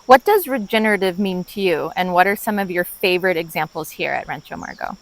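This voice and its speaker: A woman interviews someone outdoors, friendly and engaged. Her voice is slightly low, and crickets chirp faintly around her. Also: expressive, fairly quick, rough recording. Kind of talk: on-location interview.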